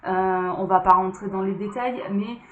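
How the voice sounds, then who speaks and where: A woman's voice: mid-range voice, steady tone, normal speed, lo-fi sound. A woman hosting her own channel, giving a casual spoken tarot card reading and chatting straight to her viewers. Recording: echoey room with faint background noise.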